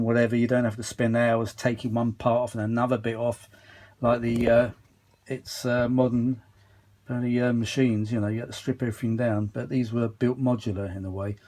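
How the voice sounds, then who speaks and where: This man, a vintage audio enthusiast, rambles through a casual workbench update recorded on a phone he holds while filming, with the odd mild curse as he thinks aloud. His voice is warm and mid-range.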